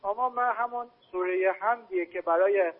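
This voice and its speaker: A man's voice: high-pitched, husky. Polite northern Iranian man on a phone line. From northern Iran. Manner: polite, deferential; slow drawn-out recitation. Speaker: caller. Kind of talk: phone-in recitation and chat.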